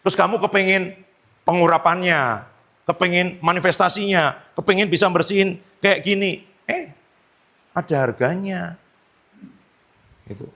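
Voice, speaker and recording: A male pastor preaching an animated sermon, telling stories and acting out his own commands in a low, firm voice. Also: measured pace, long pauses. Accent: Indonesian.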